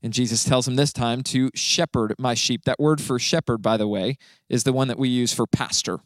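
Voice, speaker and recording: A man talks through a scripture passage in an easy, conversational teaching manner, stopping often to check in and filling his pauses with small hesitations. His voice sits at an ordinary middle pitch. The recording is dry and close, with no room sound. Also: fairly even intonation, no echo. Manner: explanatory, frequent "right?" and fillers.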